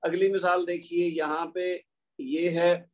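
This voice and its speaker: A man teaching a recorded lesson in a patient, explaining way, with a Pakistani Urdu accent. He stops often to recite the examples slowly. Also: sits high, level tone.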